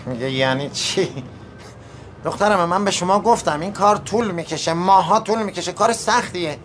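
A slippery middle-aged trader, rambling and persuasive, voice sits a bit high for a man. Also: fairly bright tone, slight background noise. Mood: glib. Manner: rambling, persuasive, talks down to her. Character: smooth-talking evasive male merchant, placating and glib. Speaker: shopkeeper and trader.

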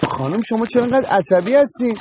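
A man's voice: very high voice, lively intonation. An actor playing a young man named Saeed who drives the car and cracks sarcastic jokes, in a comedy film. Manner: sarcastic and joking. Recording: noisy film audio.

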